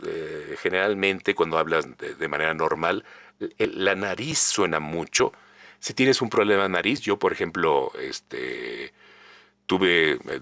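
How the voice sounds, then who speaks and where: A man's voice: rumbling low, vocal fry, no room sound. A man teaches voice acting in an easygoing, chatty way. He slips in fillers and side remarks. The recording is dry and close, with no room sound. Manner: relaxed, conversational, with fillers and asides. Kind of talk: casual instructional talk.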